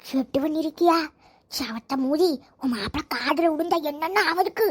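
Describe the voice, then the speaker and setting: Woman doing a squeaky high cranky old granny, scolds everyone, cartoon. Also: lively intonation, moderate pace. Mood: scolding. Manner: scolding, complaining. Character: breathless grumbling old grandmother, sharp-tongued.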